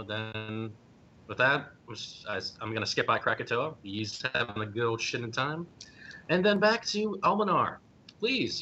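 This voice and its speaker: A man narrating as game master, pausing often with ums and uhs as he describes scenes. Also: bright, forceful tone. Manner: hesitant, many ums and uhs. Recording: dull lo-fi stream audio with faint rumble.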